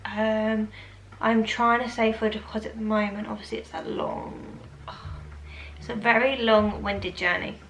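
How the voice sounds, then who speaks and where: Casting: British female vlogger, twenties, informal rambling chat, mid-pitched voice, roomy echoing sound. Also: sing-song, normal speed, gravelly, fairly bright tone. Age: 20s. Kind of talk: casual chatty Q&A to camera. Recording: echoey room, faint background noise.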